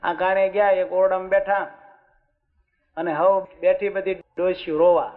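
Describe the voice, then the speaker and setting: Casting: a lively male religious storyteller, high voice, muffled recording. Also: a little slow. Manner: lively, asks the audience "understood?". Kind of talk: folksy sermon storytelling. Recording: muffled with faint music.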